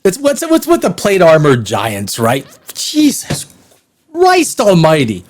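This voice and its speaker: A man's voice: high voice, wildly swooping pitch, takes it slowly, darkish tone. A man hosting a blunt, sarcastic movie review, laughing often as he rants. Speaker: film critic host.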